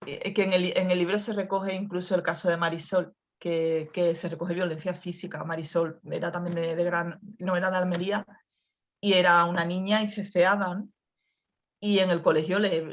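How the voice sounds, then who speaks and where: Low flat-voiced Andalusian woman on a call. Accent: softened Andalusian. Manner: reflective, many restarts and tag questions. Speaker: guest author. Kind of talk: conversational talk over video call. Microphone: video call. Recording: lo-fi video call audio.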